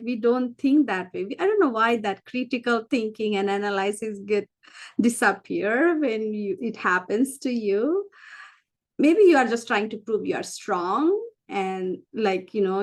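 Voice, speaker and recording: Her voice a little high, a Nepali woman with a Nepali accent gives an open, conversational account of her life as an interview guest. She's a physician and founder who repeats phrases for emphasis.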